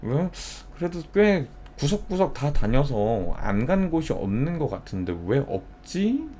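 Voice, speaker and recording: A man's voice: a little high, very animated, a little slow, dark tone, slight background noise. A young man streaming, chatting casually and telling a story with acted-out quotes. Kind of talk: casual live-stream chat.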